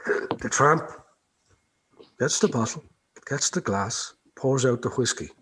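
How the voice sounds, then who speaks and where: A man reading the stage directions of a play aloud in a measured, steady way. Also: medium pitch, slightly rough, poor audio.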